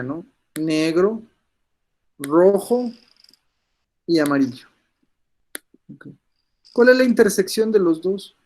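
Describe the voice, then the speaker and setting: A man's voice: sits high, darkish tone, poor audio. A man with a slight cold, teaching a math class step by step and constantly checking in with his students. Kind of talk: recorded class lecture.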